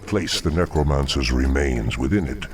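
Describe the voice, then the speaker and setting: An actor playing a scheming, haughty demon lord in a fantasy video game, speaking in a formal, ominous, commanding manner. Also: male voice, extremely low pitch, moderate pace, background noise. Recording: dramatic music behind the voice.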